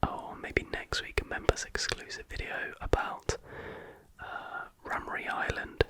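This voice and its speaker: With no hurry at all, a British ASMR host whispers chatty commentary reacting to something. The tone stays hushed, informal and free-flowing.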